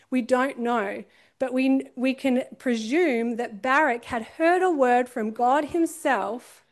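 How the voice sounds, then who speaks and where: A woman preaching a sermon, asking her listeners questions and acting out quoted lines with a laugh here and there. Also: sits high. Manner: expressive, poses questions to listeners.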